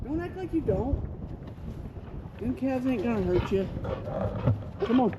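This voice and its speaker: A woman's voice: fairly high pitch, very animated, unhurried, lo-fi sound, over a noisy crowd. A woman chatting casually and coaxing animals in a folksy way outdoors on a farm. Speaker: farm vlogger. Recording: very noisy outdoor farm recording.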